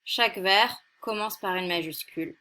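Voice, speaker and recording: A woman teaching a recorded lesson on poetry, explaining carefully and reading example verses slowly and softly. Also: mid-range voice. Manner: slow, deliberate, careful explanation. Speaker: French teacher.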